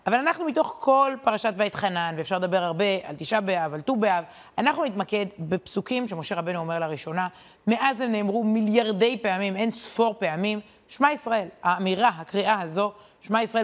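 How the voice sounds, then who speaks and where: A woman giving a weekly Torah lesson in a conversational, animated way, often pausing on hesitation fillers. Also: mid-range voice. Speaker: Torah teacher.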